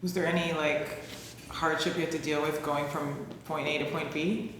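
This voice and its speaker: A man interviewing a guest with halting questions and short replies of "cool". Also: a little high, level tone. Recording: roomy reverberant space with faint noise.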